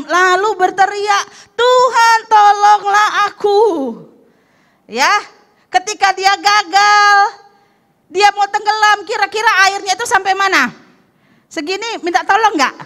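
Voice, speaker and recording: A woman pastor preaching a lively sermon, acting out the story and putting questions to the congregation. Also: extremely high pitch. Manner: animated, acts out the story and asks the congregation questions. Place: church service.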